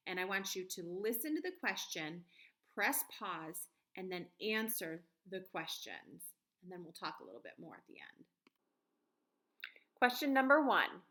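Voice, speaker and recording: For a children's picture-book read-aloud and lesson, an American woman in her thirties speaks in simple, guiding phrases. Her mid-range voice carries a fairly bright tone.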